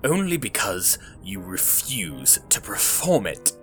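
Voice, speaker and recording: A man's voice: fairly low pitch, big pitch swings, slow pace, fairly bright tone, faint music behind, pitched below the performer's own voice, full character voice. A man narrating an audiobook, voicing a pot-bellied male senator who talks in a pompous, prickly way. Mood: indignant.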